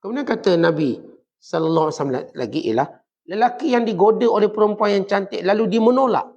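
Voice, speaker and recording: A man with a Malaysian Malay accent gives a relaxed religious lecture, his fairly high voice gravelly with fry. He teaches in a chatty way, with homely, humorous examples for his listeners. The recording is dull and lo-fi. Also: quick pace. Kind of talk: mosque lecture on Sufism.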